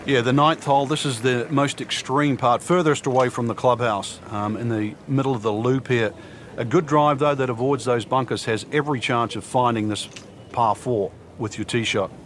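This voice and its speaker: A man's voice: medium pitch, moderate pace. A man giving golf commentary as the analyst, explaining the course in a conversational way. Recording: crowd and outdoor noise behind.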